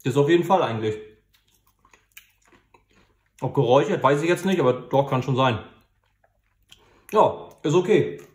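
A man's voice: medium pitch, normal speed, long pauses, darkish tone. A man hosting a casual, unscripted food review in an informal, matter-of-fact way. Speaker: host of a food review channel. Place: indoor room. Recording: echoey, reverberant room.

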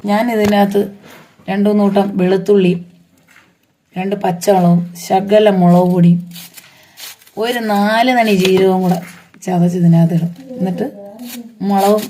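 Middle-aged woman, hoarse throat, warm dark voice, chatty cooking vlog, faint background noise. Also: mid-range voice. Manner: chatty, homely explaining while working. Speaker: home cooking vlogger. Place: home garden and old dim kitchen.

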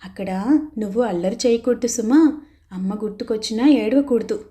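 Brief: stern old grandmother in a storybook reading, a woman's own soft, warm voice. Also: a little high, normal speed, lightly acted. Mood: scolding. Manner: quietly scolding, hushing. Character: older grandmother, strict but loving.

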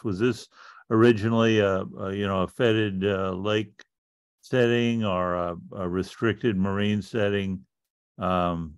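A man on a video call asking a question as an audience member, in a halting, measured way. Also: deep voice, clean tone, no echo, studio quality.

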